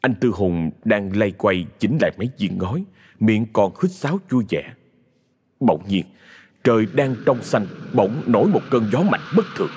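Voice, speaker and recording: Male horror narrator, lowish husky voice, lively delivery, long reverb over faint music. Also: normal speed. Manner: dramatic, expressive.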